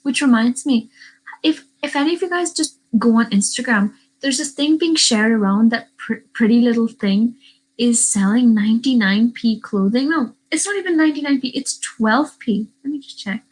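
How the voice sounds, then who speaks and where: A teenage girl from Northern Ireland, a YouTuber, rambles casually on a livestream and answers live chat questions. Her voice is on the high side and husky at a normal speed, captured by a webcam mic in low quality.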